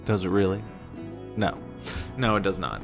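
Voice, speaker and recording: Over background music, an American streamer and teacher gives a casual explainer of presentation tips, often asking exasperated rhetorical questions and answering them himself. His voice is low-pitched with vocal fry and lively intonation, at a moderate pace.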